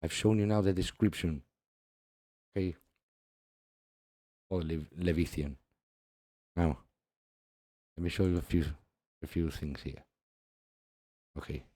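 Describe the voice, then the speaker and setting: Deep, dark-voiced man discussing scripture. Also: steady tone, slow, pauses often, no room sound, studio quality. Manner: reads scripture aloud, laughs often, repeats "see". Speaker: religious video host. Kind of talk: casual religious commentary.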